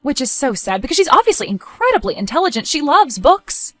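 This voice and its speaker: A woman playing a skeptical, sharp-tongued adult daughter in scripted story dialogue, expressive and conversational. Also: sits high, brisk. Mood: chatty, confiding.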